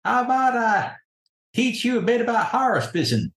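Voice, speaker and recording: A man doing a fussy hill-country woman, pitched far above his own voice, drawling and exclaiming at every turn. She sounds folksy and excitable, her words echoing around a roomy space. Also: normal speed, full character voice. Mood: coaxing. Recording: roomy echo.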